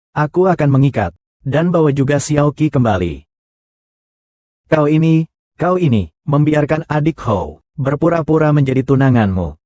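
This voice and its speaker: A man's voice: fairly high pitch, warm tone, no echo, studio quality, natural voice. A man voicing the characters of a dubbed short drama, with a scornful, confrontational delivery.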